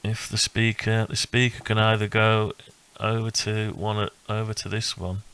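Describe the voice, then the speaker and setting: Presenting a build of his own, a male electronics hobbyist speaks casually and unscripted in a low, fry-heavy voice. The intonation stays very even while he halts, rambles, and thinks aloud.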